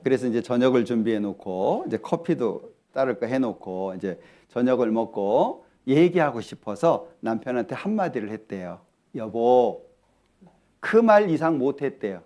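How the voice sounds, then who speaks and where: A man preaching a sermon in church, lively and talkative, often asking the congregation questions. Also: mid-range voice. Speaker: pastor. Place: church hall.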